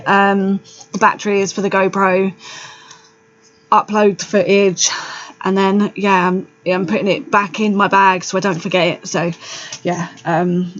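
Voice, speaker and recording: A woman co-hosting a podcast in casual chat, blunt and sweary, laughing often. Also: medium pitch. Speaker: podcast co-host. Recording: dull lo-fi sound.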